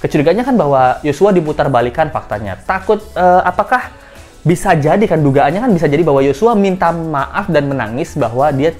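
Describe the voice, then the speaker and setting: A woman's voice: sits low, animated, a little fast, a little mellow, soft background music. A woman hosting casual news commentary, chatty and speculative, acting out quotes and laughing at her own jokes. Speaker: host of a commentary channel.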